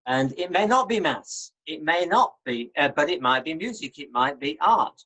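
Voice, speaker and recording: An older man, giving an online lecture in a measured, encouraging, teacherly way. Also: on the high side, animated, pushed and bright, poor audio. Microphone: video call.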